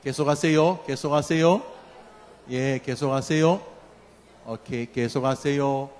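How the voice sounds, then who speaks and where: A man's voice: on the high side, normal speed. A man preaching as a pastor, blessing the congregation's children and leading them through a long list of names to pray over. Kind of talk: sermon and congregational prayer. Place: church sanctuary. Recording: long church hall reverb.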